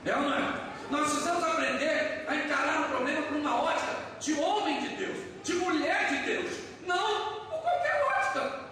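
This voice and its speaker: Humorous Brazilian preacher in an echoey church. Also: male voice, extremely high pitch, moderate pace. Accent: Brazilian Portuguese. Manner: storytelling, humorous, animated. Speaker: pastor. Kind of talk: sermon. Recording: echoey church hall, mic far off, noisy.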